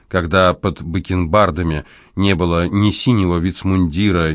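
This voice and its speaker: A man narrating an audiobook in a measured, expressive storytelling voice. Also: sits low, dry recording, studio quality. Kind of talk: scripted narration.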